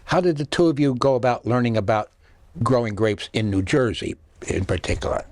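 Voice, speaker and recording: A man's voice: medium pitch, expressive, brisk, darkish tone, dry recording. A man hosting an interview in a studio, reading a scripted introduction and asking questions. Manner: scripted introduction, brief listening affirmations. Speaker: host.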